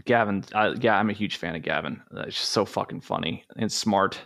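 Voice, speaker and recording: A man's voice: lowish voice, a little fast, gravelly, fairly bright tone. A man talking as a podcast guest, telling crude stories in a loose, laughing way. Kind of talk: casual comedic podcast chat.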